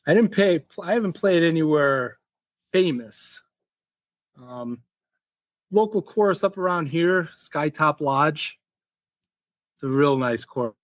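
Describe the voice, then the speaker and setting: A man's voice: a little high, lively intonation, slow, pauses often, dry recording. A man who is a guest on a podcast, telling stories in an easygoing, joking way. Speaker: podcast guest, packaging inventor. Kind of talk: casual interview chat. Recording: dull, dry lo-fi sound.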